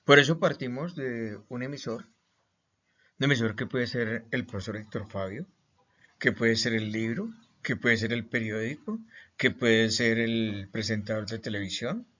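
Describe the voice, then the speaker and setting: A man's voice: mid-range voice, unhurried, a bit bright. A man from Colombia teaching a recorded online lesson, stressing each point with questions and repeated words. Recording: slightly muffled lo-fi audio.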